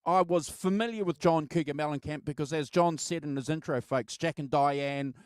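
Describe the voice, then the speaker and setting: A middle-aged man hosts a relaxed album discussion in a fairly high, clear voice. He repeats and restarts words as he talks. The recording is close and dry. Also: dry recording. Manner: halting, repeats words and stumbles. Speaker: host of a music album show. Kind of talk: casual chat, personal reminiscence.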